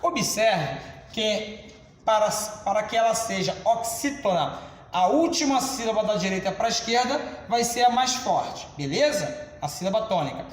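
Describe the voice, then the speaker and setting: A Brazilian man teaching a grammar lesson at the board, explaining slowly and addressing the class as "senhores.". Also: high voice, expressive. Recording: echoey classroom, reverb.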